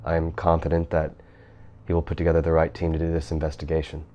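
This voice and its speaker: A man's voice: rumbling low, monotone, fast, dark tone, muffled recording. A man playing an earnest, sober husband in a mock documentary interview. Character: earnest husband of a missing woman. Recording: faint background noise, room ambience.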